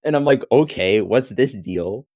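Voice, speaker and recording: A man's voice: medium pitch, expressive, unhurried, a little mellow. A man in casual chat, telling a story with exasperation and acting out his own reactions.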